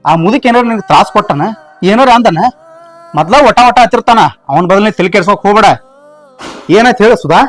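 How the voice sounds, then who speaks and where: A man's voice: high voice, quick pace, pauses often, a bit bright, faint music behind. An actor with a North Karnataka Kannada accent, playing a blunt young husband who questions his wife brusquely. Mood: concerned questioning. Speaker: actor in a village comedy film.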